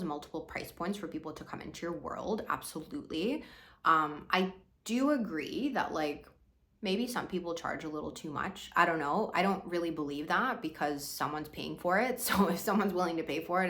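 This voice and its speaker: A young Hong Kong woman, a business coach, chats casually to camera for her audience, peppering her talk with "like" and laughing lightly and often. Her voice is fairly low-pitched with a fairly bright tone.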